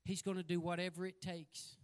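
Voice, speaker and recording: Male evangelist, high voice, folksy storyteller who builds to loud exhortation. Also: completely flat delivery, fairly quick. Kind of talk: sermon.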